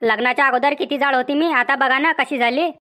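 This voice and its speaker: A woman's voice: sits high, steady tone, a little fast, bright, forceful tone. A woman voicing a complaining young village wife in a cartoon comedy, with a rural Vidarbha Marathi accent. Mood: teasing. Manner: whiny, complaining.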